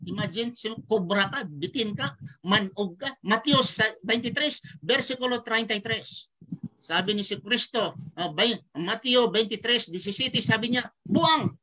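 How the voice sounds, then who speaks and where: A man's voice: sits high, normal speed, bright, forceful tone, poor audio. A man giving an argumentative religious lecture over an online call, pressing rhetorical questions with a repeated "ha?". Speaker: religious debater.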